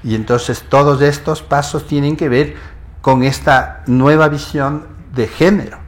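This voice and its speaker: A man's voice: on the high side, steady tone, a little slow. A man appearing as a geneticist guest on a TV interview, giving earnest, step-by-step explanations.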